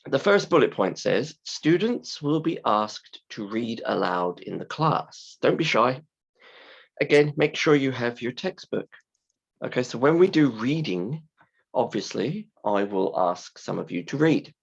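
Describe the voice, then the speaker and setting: A man teaching a class in simple, deliberate, emphatic phrases, his voice hoarse, croaky and creaky from a sore throat. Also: mid-range voice, sing-song, lo-fi sound. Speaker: university English teacher. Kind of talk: scripted-slide lesson explanation.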